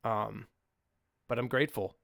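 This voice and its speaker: Casual podcast host, male, gravel in the voice, dry close sound, thinks aloud and restarts his sentences. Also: on the low side, fairly even intonation, unhurried, a bit bright, dry recording. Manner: reflective and rambling, with many restarts. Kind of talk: casual solo podcast talk. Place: home studio in Nashville. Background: faint song playing under the talk.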